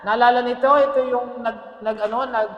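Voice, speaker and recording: A male pastor preaching a lively sermon to his congregation. He jokes, mixes in English phrases and keeps asking "Amen?". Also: very high voice, brisk, lo-fi sound. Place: church hall. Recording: echoey church hall with long reverb.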